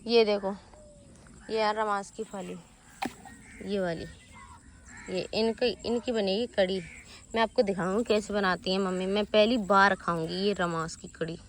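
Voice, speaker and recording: A woman's voice: mid-range voice, fairly even intonation, normal speed, slight background noise. A young woman vlogging casually from her village home, chatting to her viewers as friends. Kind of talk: casual vlog narration. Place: village home, rooftop and fields, outdoors.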